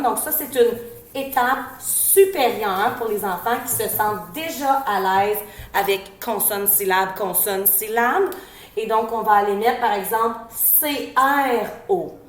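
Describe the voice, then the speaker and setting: A woman with a Québécois French accent, an educator giving parents reading tips in a casual teaching tone, slowly sounding out letters and syllables. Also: on the high side, roomy sound. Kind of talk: informal instructional talk.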